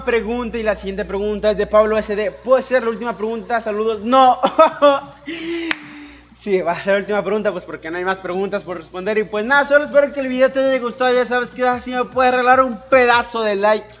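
A high-pitched young man from Ecuador doing a casual question-and-answer voice-over. He jokes loudly and crudely and swears a lot. Faint music plays behind him. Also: brisk. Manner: boisterous, crude joking with lots of swearing. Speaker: YouTuber answering viewer questions.

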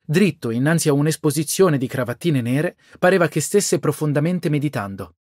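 A man giving a steady, scripted audiobook narration. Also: on the high side, moderate pace, no room sound, clean studio sound.

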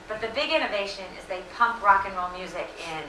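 A middle-aged woman answering audience questions at a lecture, earnest and full of fillers and self-corrections, her voice slightly hoarse. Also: medium pitch, lively intonation, fast, pushed and bright, slight background noise. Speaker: invited lecture speaker. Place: lecture hall. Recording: echoey room, distant mic.

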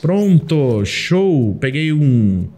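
A young man with a Brazilian Portuguese accent giving casual, chatty, excitable commentary while playing a video game, often talking to the character on screen. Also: fairly high pitch, extremely slow, soft background music. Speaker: gameplay commentator. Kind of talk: casual let's play commentary.

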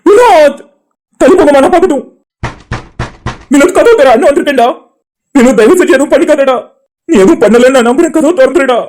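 A woman's voice: high voice, lively intonation, fast talker, long pauses, darkish tone. A woman voicing an anxious young man in an amateur cartoon, talking in a frantic, pleading way. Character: young man, anxious, devoted older brother.

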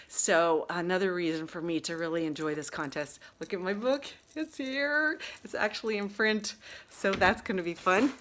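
An older woman chatting excitedly and a bit out of breath while unboxing a package at home, getting sidetracked as she talks. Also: fairly low pitch. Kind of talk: casual unboxing vlog. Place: at home, indoors.

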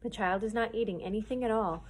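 A woman reading the lines of a kindly but stern wealthy older gentleman in a children's storybook. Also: high voice, quick pace, a little hiss or hum, natural voice.

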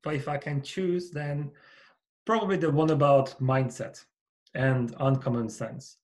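A man in his forties from Hungary with a Hungarian accent, speaking as a guest on a podcast over a video call, earnest and measured as he explains his ideas. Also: medium pitch, fairly even intonation, a little mellow. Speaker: company founder, guest. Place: small home office with bookshelves. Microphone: over-ear headset with boom mic.

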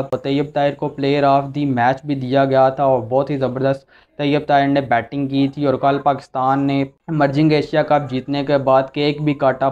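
A young man in his twenties recaps a cricket match in a steady, level voice with little rise and fall. His tone is smooth and clear. He sits on a sofa in a small room, and the recording sounds a little dull and lo-fi. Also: medium pitch. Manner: steady, repetitive recap talk. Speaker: cricket channel host. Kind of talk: solo cricket commentary vlog.

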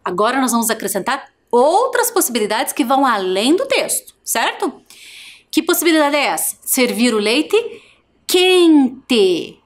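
A woman's voice: on the high side, sing-song, moderate pace. A woman teacher with a Brazilian Portuguese accent giving a televised primary school lesson, stretching out words syllable by syllable and asking the children questions.

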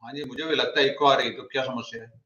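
A man's voice: mid-range voice, fairly even intonation, quick pace, a bit bright. A man speaking as a guest in an online debate, his voice carrying a heavy echo as he argues through rhetorical questions. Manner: argumentative, full of rhetorical questions. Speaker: guest commentator. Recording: echoey, dull lo-fi call audio.

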